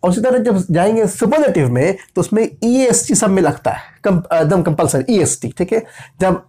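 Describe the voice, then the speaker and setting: A man's voice: sits high, expressive, normal speed, dark tone, slightly rough. A man with teaching a grammar lesson, patiently spelling out letters and checking in often with his listeners. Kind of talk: explanatory lesson.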